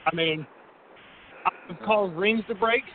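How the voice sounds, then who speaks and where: A man's voice: high voice, slow pace, crowd noise. A man trading wrestling promo trash talk on a phone call, cocky, mocking and full of wisecracks. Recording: noisy, hissy, tinny phone line.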